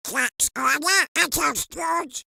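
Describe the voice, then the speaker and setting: A put-upon male cartoon duck uncle, acted by a woman, in a comic dub. The voice is high and creaky, with a slow, dragging pace. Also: bright, forceful tone, no room sound, studio quality, exaggerated voice. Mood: earnest. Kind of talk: comic book fan dub.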